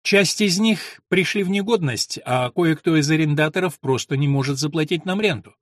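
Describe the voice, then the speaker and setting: A man voicing an old, smug castle steward who answers in a calm, unruffled manner. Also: fairly high pitch, normal speed, no room sound, studio quality, lightly acted.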